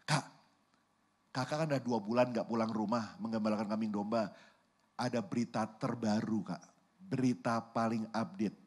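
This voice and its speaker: A man voicing an excitable young boy who yells at his older brothers and pesters them, with a whiny, boastful tone. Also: lowish voice, moderate pace, pauses often, breathy edge, voice pushed down. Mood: whiny boasting.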